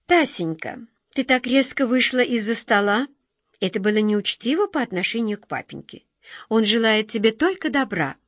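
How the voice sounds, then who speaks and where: A gentle middle-aged mother speaks to her daughter in soft, tender tones in an audiobook, as a woman narrator puts her on. The voice stays close to the reader's own and sounds dry and near. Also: a little high, animated, normal speed, no room sound. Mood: persuasive.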